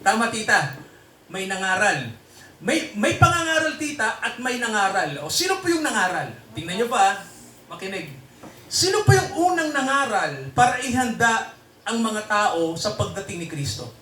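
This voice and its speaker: A man's voice: high voice, very animated, moderate pace, sharp tone, far from the mic, a little hiss or hum. A man preaching a sermon in a church hall and quizzing the congregation with repeated tag questions, then leading them in prayer. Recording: echoey room, voice from off-mic, faint ambience.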